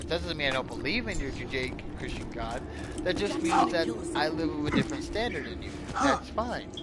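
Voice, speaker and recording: Blunt, sweary man ranting over loud music. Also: on the high side. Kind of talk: casual chat, ranting.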